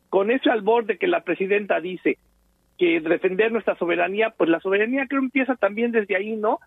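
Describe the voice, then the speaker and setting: A man's voice: high-pitched, gravelly, no echo. A Mexican man calling in to a radio show, speaking passionately and hesitantly with many fillers. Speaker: radio caller. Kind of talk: phone-in call to a radio show. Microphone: telephone. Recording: tinny phone line.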